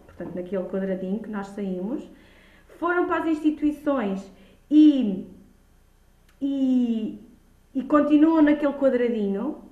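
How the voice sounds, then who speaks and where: A high female voice with a European Portuguese accent, recorded in a roomy space with slightly dull sound. She argues her points conversationally and leans on repeated words for emphasis. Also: mellow. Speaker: childminder and early childhood educator, podcast guest. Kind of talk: animated conversational debate. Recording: echoey room, dull lo-fi sound.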